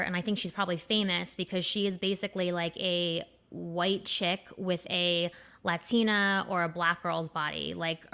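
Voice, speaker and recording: A woman's voice: mid-range voice, a bit bright, smooth. A young woman hosting a podcast, chatting in a candid, crude and rambling way with lots of fillers. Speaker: podcast host. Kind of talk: casual chat.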